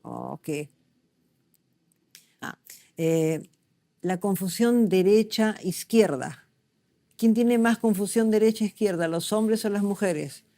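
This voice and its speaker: A woman's voice: medium pitch, slow, long pauses, dark tone. A middle-aged woman gives a medical lecture, asking the class questions and checking in with them often.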